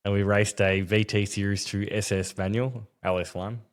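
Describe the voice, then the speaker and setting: A man's voice: lowish voice, little pitch movement, normal speed. A man with an Australian accent in casual, laid-back and colloquial conversation. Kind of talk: casual car chat.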